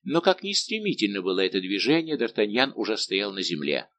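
A man narrating an audiobook in a steady, measured reading. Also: fairly low pitch, slight background noise. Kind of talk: scripted narration.

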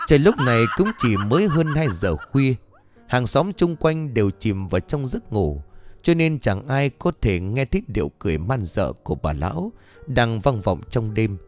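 A man's voice: medium pitch, big pitch swings, moderate pace, soft background music. A man reading a ghost story aloud with dramatic expression.

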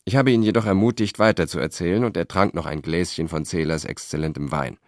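A man voicing a sly, well-connected Roman gentleman in an audiobook, chatty and confiding. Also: sits low, fast, no room sound, studio quality.

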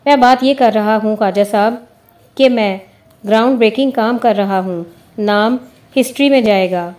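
A woman's voice: fairly high pitch, a little mellow, natural voice. A woman reading the lines of a restless, boastful male journalist who grumbles as he talks. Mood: grumbling.

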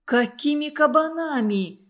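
A woman reading a storybook aloud and voicing a startled mother who fires off sharp questions. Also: high-pitched, expressive, a little slow, voice pushed up. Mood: bewildered. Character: startled mother, demanding answers.

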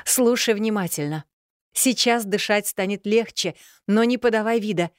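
A woman's voice: mid-range voice, normal speed, clear, resonant tone, dry recording, clean studio sound, voice pushed up, lightly acted. A woman voicing an unseen woman who gives urgent, commanding instructions.

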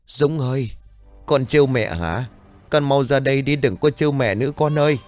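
A man's voice: mid-range voice, expressive, brisk, soft background music, pitched above the performer's own voice, lightly acted. A man voicing a frightened village mother in an audio ghost story, with anxious, pleading calls. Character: frightened rural mother searching for her son.

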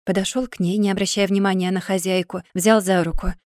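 A woman narrating a fantasy audiobook in an even, measured storytelling manner. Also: mid-range voice, dry recording, studio quality. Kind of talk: scripted fairy-tale narration.

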